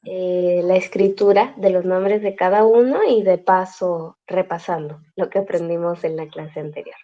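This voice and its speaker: A woman's voice: fairly low pitch, steady tone, moderate pace, muffled recording. A woman teaching a language class over a video call, explaining patiently step by step and checking in with her students often.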